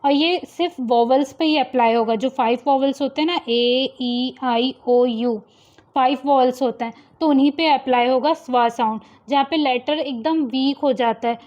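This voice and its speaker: A young woman gives a phonics lesson in a high voice. She says each example word slowly and repeats it, setting the wrong pronunciation against the right one. The recording sounds a little dull and lo-fi. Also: darkish tone. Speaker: English pronunciation teacher.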